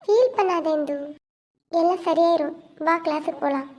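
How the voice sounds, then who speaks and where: A woman's voice: very high-pitched, moderate pace, darkish tone. A woman voicing a caring college friend in a cartoon, coaxing and reassuring. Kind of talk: cartoon web series voice acting.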